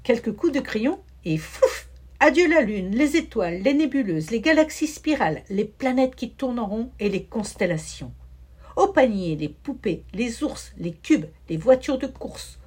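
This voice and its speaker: A woman reads a children's story aloud in a husky voice. Her pitch moves in lively rises and falls, and she reads long lists in a rhythmic cadence. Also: unhurried. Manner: expressive, rhythmic listing.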